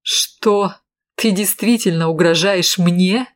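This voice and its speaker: A short-tempered, hard-drinking man who snaps and hisses his threats through clenched teeth, as a woman narrator puts him on. His voice sits fairly low and hard, and the lines come from an audiobook reading. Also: slow. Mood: angry, menacing.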